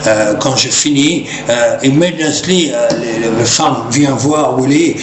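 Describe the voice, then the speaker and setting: Speaking in the third person about himself, a mid-range-voiced American from the United States gives a funny, wandering monologue to camera in hesitant, slow French sprinkled with English. Crowd noise comes through clearly, and the space sounds echoey.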